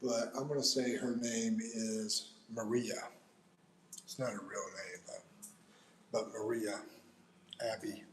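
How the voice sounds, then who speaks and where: Middle-aged American guy, livestream host, slow and easygoing, chatty "bro" manner while reading comments. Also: fairly low pitch, flat delivery, a little hiss or hum, poor audio. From United States. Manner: chatty, loose, calls viewers "bro". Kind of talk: casual live chat reading viewer comments.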